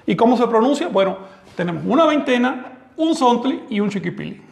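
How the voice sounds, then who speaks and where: A man's voice: extremely high pitch, sing-song, brisk, creaky. Man teaching math in an echoey room. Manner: explanatory, asks the class questions, slightly sarcastic asides. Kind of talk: live-streamed online class.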